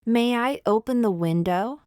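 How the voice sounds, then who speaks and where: Woman slowly reading practice phrases. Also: on the high side, darkish tone, no room sound, studio quality. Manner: slow, deliberate, one phrase at a time. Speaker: language teacher. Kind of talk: reading example phrases for learners.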